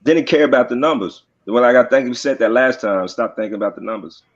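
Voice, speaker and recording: This rapper, a podcast guest, talks fast in a mid-range voice, and the sound is lo-fi. The conversation is a casual interview, and he keeps it relaxed, sweary, and full of filler words.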